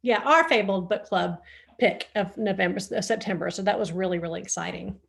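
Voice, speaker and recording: A woman's voice: medium pitch, brisk, gravelly, fairly bright tone. Gushing woman in a video call book chat. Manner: gushing, enthusiastic, with frequent ums. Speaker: bookshop co-owner discussing books.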